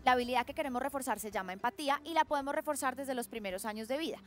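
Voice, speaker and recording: Woman, Colombian accent, high voice, animated explainer, talk show guest, faint background music. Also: rapid-fire. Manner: animated, acts out parent and child voices in examples. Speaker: child psychologist guest.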